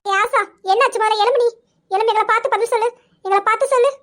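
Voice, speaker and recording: A woman's voice: very high voice, brisk, a bit bright. A woman voicing a caring young woman in an amateur audio drama who presses her friend with insistent, scolding questions.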